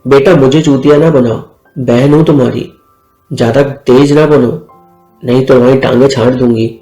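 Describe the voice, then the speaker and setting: A man's voice: medium pitch, steady tone, normal speed, warm tone, natural voice. A man voicing a bossy, fiery young woman who scolds and threatens her younger brother, in an echoey room with faint music. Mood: scolding.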